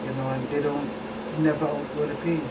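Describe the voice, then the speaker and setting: A police expert with a Virgin Islands Caribbean accent speaks a little fast on a talk show, her low voice showing little pitch movement. She keeps explanations plain and repeats herself for emphasis, and the recording comes from a distant mic in a clearly noisy room with hum.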